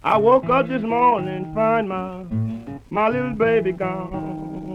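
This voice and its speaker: A high-voiced man sings unhurried, drawling blues, tossing in spoken asides between phrases. The sound comes from a dull, lo-fi archival field recording from decades past. Loud acoustic guitar rings out under him. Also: steady tone. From Mississippi Delta. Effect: old archival field recording. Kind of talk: singing Delta blues. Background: acoustic guitar accompaniment.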